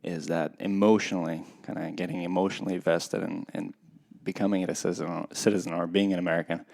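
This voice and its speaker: With a low voice, vocal fry and a slightly mellow tone, this man speaks in a flat delivery. A skydiving competitor from Russia in his thirties, he's a podcast guest in a casual interview, reflective and unhurried, with many hesitant pauses.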